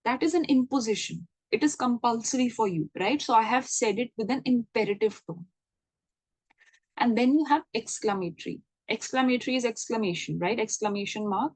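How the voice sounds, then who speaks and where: A woman's voice: a little high, a little fast, darkish tone, no room sound. A woman giving an online English grammar lesson, explaining patiently and checking in with the listener. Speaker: English teacher.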